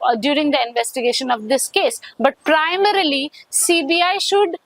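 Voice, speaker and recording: A woman with an Indian accent giving an investigative news report in a halting way, often repeating and rephrasing. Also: sits high, fairly bright tone, dry recording, low-quality recording.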